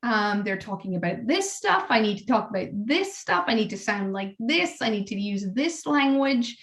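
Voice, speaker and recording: A woman's voice: medium pitch, expressive, moderate pace. A woman guest speaking earnestly in a casual interview, often repeating words as she restarts her thoughts. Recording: roomy echo.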